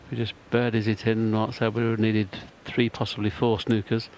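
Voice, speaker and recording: A man's voice: fairly low pitch, little pitch movement, brisk, a little mellow, a little hiss or hum. A man giving analytical live snooker commentary as a broadcast commentator.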